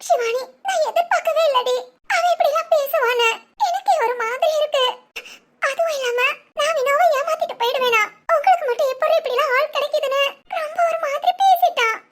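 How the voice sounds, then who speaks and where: A woman's voice: very high-pitched, fast talker, pushed and bright. A woman voicing a weepy young cartoon bride. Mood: tearful. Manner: weepy, pleading. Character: tearful young bride-to-be, gentle and timid. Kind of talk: cartoon voice acting.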